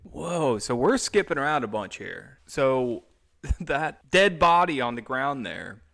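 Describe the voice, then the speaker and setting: A man giving casual, excitable commentary as he reacts to a movie, blurting out reactions and swearing. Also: medium pitch, takes it slowly, vocal fry.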